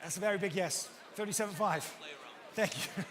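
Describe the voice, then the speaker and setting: A man's voice: high-pitched, moderate pace. A man working as an auctioneer, calling live bids in repetitive, insistent runs of numbers while politely addressing bidders. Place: large auction hall with bidders present. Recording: echoey hall PA with background noise.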